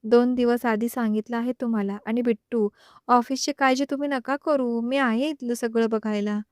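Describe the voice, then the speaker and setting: A woman's voice: a little high, steady tone, moderate pace, clean tone, dry recording, studio quality, close to an everyday voice. A woman voicing a commanding old grandfather, head of the family, in an audio story.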